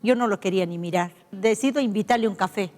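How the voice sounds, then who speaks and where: An older Peruvian woman pastor recounts her own testimony in a reflective, heartfelt way, pausing and restarting as she remembers. Her voice sits at an ordinary middle pitch. A long reverb tail trails each phrase. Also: darkish tone. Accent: Peruvian Spanish. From Peru. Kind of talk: personal testimony storytelling.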